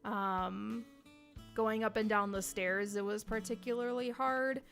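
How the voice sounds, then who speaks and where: A woman casually chatting on a livestream, greeting viewers by name between many ums and pauses. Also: medium pitch, steady tone, a bit bright, faint music behind. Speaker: livestream host.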